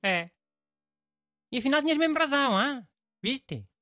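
A know-it-all portuguese host, offhand and teasing, voice swoops around a lot. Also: male voice, extremely high pitch, sing-song, normal speed. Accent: European Portuguese. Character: know-it-all male host, blunt and dismissive. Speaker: show host. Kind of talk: comic scripted banter.

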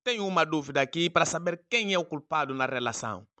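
A man's voice: a little high, animated, quick pace, bright, forceful tone. A man with an Angolan Portuguese accent hosting a comedy segment, telling a playful monologue with repetition for effect. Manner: playful preacher-like storytelling with repetitions. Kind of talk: comic monologue.

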